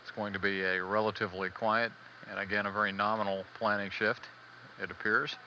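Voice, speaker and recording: On lo-fi, band-limited broadcast audio with a little hiss or hum, a man narrates live spaceflight status as mission control announcer. His voice sits on the low side, flat in delivery yet pushed and bright, and he sounds measured, hesitant and matter-of-fact.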